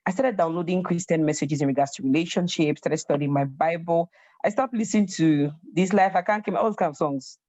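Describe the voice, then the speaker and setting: A young Nigerian woman telling a personal story in an animated way, slipping into pidgin phrases. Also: on the low side, brisk, no room sound, rough recording. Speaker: host.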